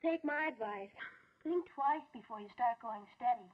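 A young woman with an American accent playing a friendly, eager high school girl in a 1940s instructional film. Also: lively intonation, moderate pace, breathy edge. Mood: confiding. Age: young adult. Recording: dull, lo-fi 1940s film soundtrack.

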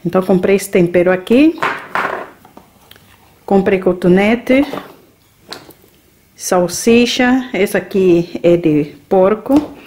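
A woman unpacks her groceries in her home kitchen, naming each item at a slow, easy pace. She tags her phrases with little checks to the viewer. A faint hiss sits under the camera mic. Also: medium pitch, warm tone. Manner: unhurried, listing items with frequent "tá?" and "né?" tags. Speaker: vlogger. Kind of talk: grocery haul vlog.

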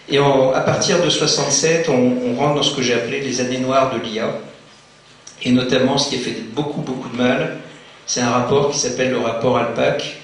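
Conference speaker, male, relaxed lecture delivery full of restarts, booming hall echo, faint hiss. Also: vocal fry. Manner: conversational, many fillers and restarts, jokes with audience. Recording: very echoey hall, faint noise.

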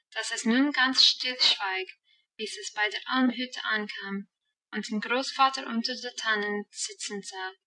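Woman reading an audiobook, calm and even, bright voice, sounds kinda far off. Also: on the high side. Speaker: audiobook narrator. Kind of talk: scripted narration.

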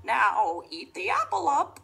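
A woman voicing a crafty old hobbling witch in a rhyming storybook, with a coaxing, breathy, sing-song delivery. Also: sits high, huge pitch swings, slow pace, a bit bright, pitched above the performer's own voice, full character voice. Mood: insistent.

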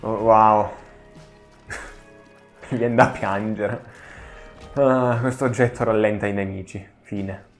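Excitable man, slow let's play chatter. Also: fairly low pitch, soft background music. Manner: excitable, swearing, pleading with enemies. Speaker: gaming channel host.

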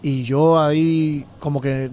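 A man in his thirties from the Dominican Republic, telling his story as a podcast guest in a small studio with his own mic, lively with sound effects. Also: fairly high pitch, a little hiss or hum. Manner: animated, fast storytelling with sound effects and gestures. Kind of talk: casual storytelling interview. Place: small studio with dark curtains. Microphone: studio mic on boom arm, headphones.

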